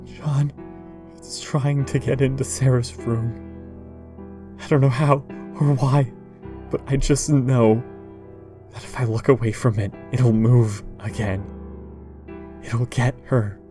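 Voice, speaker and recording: Scared young woman, stammering and insistent, put on by a male narrator, raised pitch. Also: steady tone, slow, long pauses, mellow, faint music behind. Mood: pleading. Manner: stammering, pleading.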